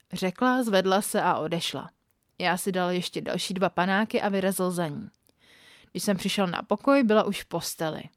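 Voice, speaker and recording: A woman reads a story aloud in a steady, matter-of-fact way. Her voice sits somewhat low. The recording is dry and close, with no room sound. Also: dry recording. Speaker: story narrator. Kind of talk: scripted narration.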